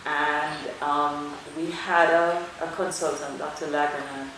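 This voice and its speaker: Here the same kind of speaker appears: a middle-aged dermatologist from Jamaica, low-voiced but fairly bright in tone, steady as she responds to interview questions. She's measured and thoughtful, pausing on fillers, and the room is strongly echoey with faint noise in the background.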